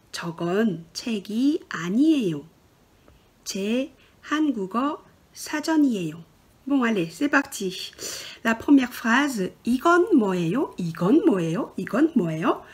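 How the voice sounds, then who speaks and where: A woman teaching a beginner language lesson over slides, explaining patiently and slowly, with fillers and self-corrections. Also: medium pitch, slightly rough. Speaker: Korean teacher. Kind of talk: screen-recorded language lesson.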